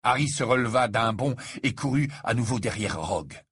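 A man reading a fantasy novel aloud in measured, dramatic scripted narration. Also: medium pitch, expressive, fairly bright tone, husky, no room sound, clean studio sound. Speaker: audiobook narrator.

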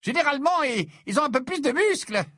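A man's voice: very high-pitched, lively intonation, quick pace, bright, forceful tone, dry recording, studio quality, pitched above the performer's own voice, exaggerated voice. A man voicing a haughty teenage boy commentator in a pompous, condescending way.

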